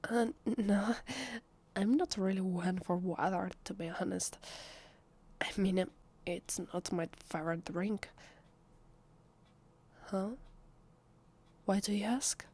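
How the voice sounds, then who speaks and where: Evasive and uneasy, a woman with an Italian accent portrays a female vampire pretending to be human in an ASMR roleplay, flustered throughout. Her mid-range voice, with fairly even intonation, is a soft, husky half-whisper delivered hesitantly, slowly and in a drawn-out way.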